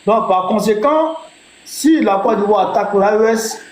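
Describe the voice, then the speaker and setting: A man with a high voice leads a political discussion, rewording his guest's points slowly and with emphasis. His voice rings in a roomy space, with faint background noise under it. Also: lively intonation. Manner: deliberate, emphatic restating. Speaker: host.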